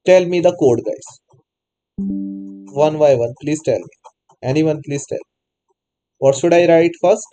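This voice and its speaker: Man, raised pitch, warm dark timbre, questioning teacher. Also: takes it slowly, pauses often, soft background music, poor audio. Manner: prompts students repeatedly, non-native English phrasing. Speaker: programming teacher. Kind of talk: live online class, questioning students.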